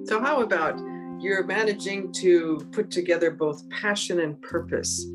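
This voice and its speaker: A woman's voice: lowish voice, unhurried, music in the background. A woman hosting an interview, asking questions in an encouraging, affirming way. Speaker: interview host.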